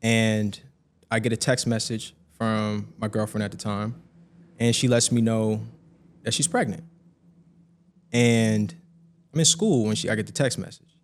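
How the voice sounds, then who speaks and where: A man's voice: on the low side, a little slow, long pauses. A young man, a podcast guest, telling a personal story in casual conversation and acting out the voices of people in it. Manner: animated, acts out quoted voices.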